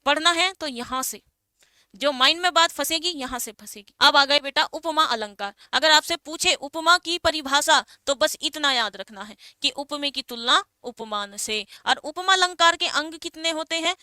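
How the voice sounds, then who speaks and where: Woman, teacher, exam-prep lecture; high pitched, dry close sound, asks and answers her own questions. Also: lively intonation, moderate pace, sharp tone, dry recording. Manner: explains with rhetorical questions, calls students beta and bhai. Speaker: Hindi teacher.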